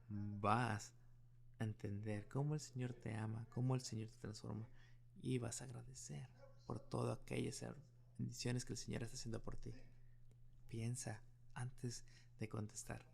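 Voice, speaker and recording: A man's voice: mid-range voice, flat delivery, moderate pace, creaky. A middle-aged male pastor preaching a sermon, telling a personal story in an earnest way.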